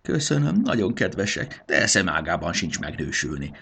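A man voicing a polite, formal and slightly grumbling gentleman in a storybook. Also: low voice, big pitch swings, vocal fry, husky, full character voice. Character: courteous, gruff grown-up man Módusz.

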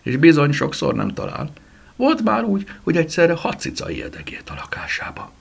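A nosy, excitable old woman who fancies herself a detective, as a husky-voiced male narrator puts her on, her voice jumping up high and bouncing around as she marvels and gossips. She comes from a read-aloud storybook, breathy and eager. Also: in a whisper, heavily acted. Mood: amazed. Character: curious elderly woman, amateur sleuth.

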